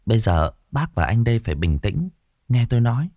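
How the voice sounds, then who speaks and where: A calm woman doctor delivers grave news in a gentle, measured way, as a man reads her part. The voice stays close to the storyteller's own, lively in pitch and dry. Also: no echo, highs cut off. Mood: solemn.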